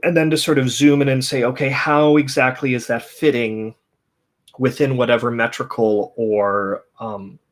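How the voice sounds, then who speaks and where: A man composer in an interview, talking thoughtfully with frequent fillers, restarts and pauses. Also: medium pitch, steady tone. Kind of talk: interview conversation.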